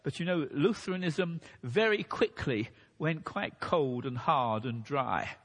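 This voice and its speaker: A man preaching a sermon in a measured teaching manner, losing his voice a bit. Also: fairly high pitch, expressive, a bit bright. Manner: measured teaching delivery, occasional restarts. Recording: long hall reverb.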